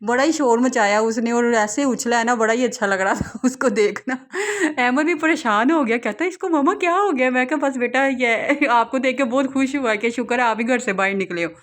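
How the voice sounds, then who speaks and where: A young woman narrating her family outing in a relaxed vlog, chatting and laughing often as she tells it. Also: fairly high pitch, normal speed, few pauses. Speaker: vlogger, mother.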